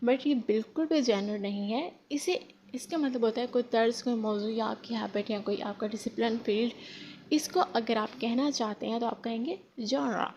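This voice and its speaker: A woman teaching a spoken English lesson in Hindi, drawing out example phrases slowly and often correcting herself. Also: on the high side, a little mellow, dull audio. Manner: slow drawn-out example phrases, frequent self-corrections.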